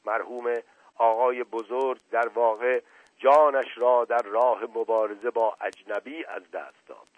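A man's voice: mid-range voice, steady tone, no echo, close to an everyday voice. A man playing a stern, irritable old colonel. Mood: hushed angry. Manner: stern, clipped commands. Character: older male retired colonel, proud and irritable. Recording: tinny dry radio broadcast.

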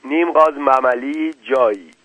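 A man voicing a cool-headed young male gambler who talks with calm swagger. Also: mid-range voice, no room sound, natural voice. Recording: dull lo-fi dry recording.

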